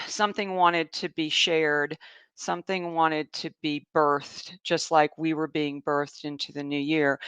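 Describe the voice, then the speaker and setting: A woman's voice: deep voice, fairly bright tone, smooth, no echo, highs cut off. A woman with a Southern US accent hosting a live show, chatting casually and rambling through a personal story. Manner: chatty, rambling, laughs often, reads viewer comments. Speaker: host, animal communicator. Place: home in Asheville.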